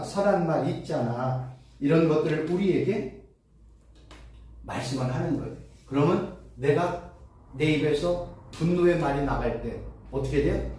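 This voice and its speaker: A woman's voice: lowish voice, a little mellow. A woman theology professor giving an emphatic, sermon-like Bible lecture full of repetition and rhetorical questions, recorded in an echoey room from a distance. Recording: echoey room, far from mic.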